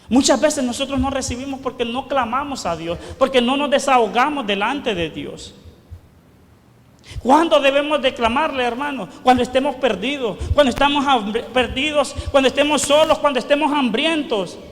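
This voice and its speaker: Male pastor, very high bright voice, fervent sermon in a reverberant church hall. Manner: fervent preaching, asks the congregation questions, shouts quoted cries.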